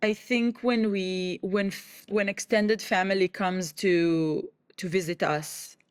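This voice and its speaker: A guest comedian from Israel, a woman who speaks Hebrew natively, chats in an interview, stopping and restarting frequently and performing the voices she quotes. Her mid-range voice has a clean tone and fairly even intonation, and the recording is dry and close with no room sound.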